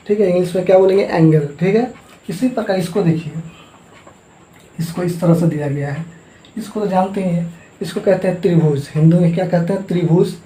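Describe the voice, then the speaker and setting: This math teacher has a high, mellow voice. He drills the class by repeating every term and asking them to echo it back, and the recording carries a noticeable echo.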